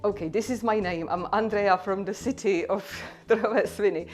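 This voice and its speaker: Over soft background music, a woman of medium pitch recounts her faith story at a moderate pace. She is from the Czech Republic, speaks English with a Czech accent, and keeps it earnest and conversational, peppered with "like" and "you know."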